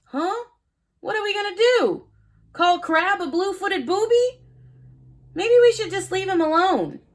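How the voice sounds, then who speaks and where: A woman's voice: very high-pitched, animated, measured pace, pitched above the performer's own voice. A woman voicing a small, worried jellyfish sidekick in a children's storybook, unsure and fretful.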